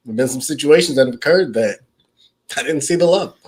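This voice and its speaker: A man's voice: mid-range voice, fairly quick, darkish tone, a little hiss or hum. A young man co-hosting a casual couple's podcast, joking and teasing as he talks. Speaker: podcast co-host.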